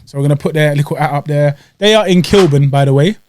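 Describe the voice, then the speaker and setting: In a podcast studio, a co-host with a London accent and weakly pronounced R sounds banters casually, trading slangy, playful jabs while reviewing food. His fairly high voice is fast and a little mellow, with a bit of hiss or hum on the recording.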